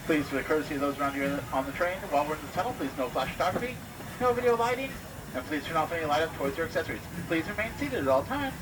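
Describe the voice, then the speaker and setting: A man's voice: expressive, very fast, hardly any pauses. A man working as a train conductor, making live safety announcements to passengers aboard a theme park train. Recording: noisy train PA, distant mic, heavy rumble. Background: loud train and ambient noise.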